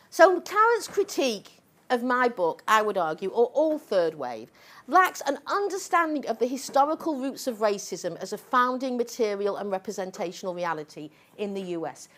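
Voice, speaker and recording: A middle-aged woman lecturing to an audience, her fairly high voice rising and falling sharply as she argues. She is sarcastic and combative and keeps checking in with "okay?" and "right?". She sounds like a seasoned speaker driving her case home. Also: a bit bright. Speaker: sociology professor giving a lecture. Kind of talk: impassioned public talk.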